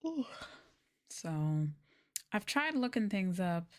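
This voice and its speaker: Her medium-pitched voice swings widely in pitch while keeping a slow pace. The woman is a VTuber livestreamer in casual, soft-spoken chat with viewers, informal and rambling, with lots of "like" and "y'all."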